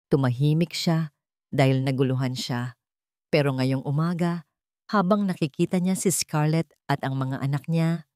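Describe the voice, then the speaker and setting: A Filipino woman narrates scripted romantic fiction as a storyteller. Her voice is fairly low and mellow, and the recording is dry with almost no room sound or echo.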